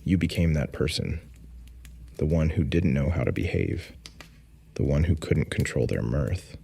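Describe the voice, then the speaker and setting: A man narrating a scripted bedtime history story in a calm, unhurried way, with wry asides. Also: a bass voice, vocal fry, slightly rough.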